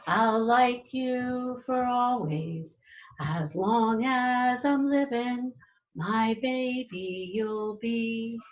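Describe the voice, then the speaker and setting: Woman as a devoted mother's slow, tender lullaby. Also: fairly high pitch, muffled recording. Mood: tender, soothing.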